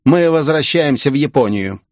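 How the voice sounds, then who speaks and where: A man's voice: a little high, lively intonation, moderate pace, a little mellow, faint music behind, pitched above the performer's own voice, natural voice. A man reading an audiobook voices a harsh, imperious woman commander who snaps orders coldly. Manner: cold, snapping, commanding.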